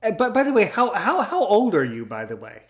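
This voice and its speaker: A man's voice: sits high, huge pitch swings, brisk. A man in his thirties interviewing a guest, agreeing eagerly and stammering through many restarts. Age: 30s. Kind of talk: casual interview talk.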